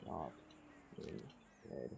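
A man's voice: drawn-out words, background noise. A man giving gameplay commentary, rambling through confused asides to himself. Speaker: gamer.

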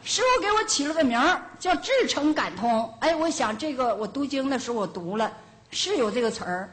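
A woman's voice: high voice, fairly quick. Older woman telling homespun Buddhist anecdotes. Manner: lively, homespun anecdotes with chuckles. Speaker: Buddhist lay teacher. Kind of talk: storytelling dharma talk. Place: lecture hall of a Buddhist centre.

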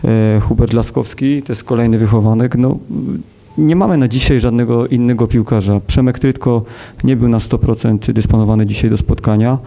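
Male coach in his thirties, very dark voice, hesitant, measured, many fillers, press conference table mic. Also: mid-range voice, fairly even intonation, gravelly. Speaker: football coach. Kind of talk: post-match press conference. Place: press conference room with sponsor wall.

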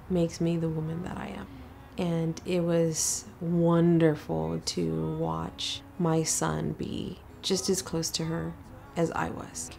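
Middle-aged woman with a heavy vocal fry. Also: low voice, darkish tone, slight background noise. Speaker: interviewee, mother. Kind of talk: documentary interview.

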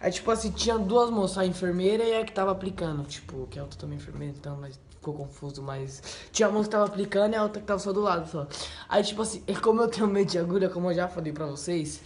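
A man talks in a fairly high voice, rambling excitably through anecdotes in a casual home vlog. Faint noise hums behind him. He leans on fillers and keeps the tone loose. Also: racing. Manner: excitable, rambling, full of "tipo assim" and "né". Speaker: channel host. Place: at home by a wall indoors.

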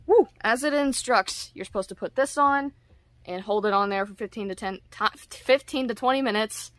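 A woman's voice: mid-range voice, a bit bright, no echo. Woman, casual vlogger, giggly and self-deprecating, dry close sound. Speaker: product reviewer. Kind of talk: casual product review vlog.

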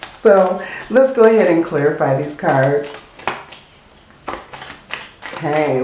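A woman's voice: sits low, reverberant, background noise. A woman with a congested, stuffy nose gives a casual, reassuring tarot reading straight to the viewer, often checking in with short questions. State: congested sinuses. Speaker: tarot card reader, host.

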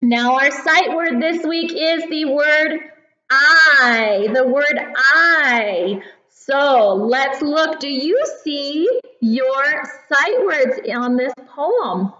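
A woman in her thirties, a kindergarten teacher reading aloud and explaining to young children in a simple, deliberate, encouraging way, as if to a toddler. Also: high voice, bright, forceful tone, echoey room, highs cut off. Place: classroom, indoors.

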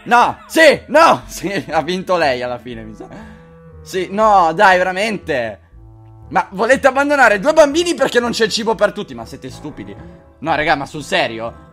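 A man's voice: high voice, very animated, moderate pace, fairly bright tone, faint music behind. A man doing let's-play commentary, joking crudely, swearing often and talking straight to his viewers. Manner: talks to viewers directly. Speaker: gaming video host.

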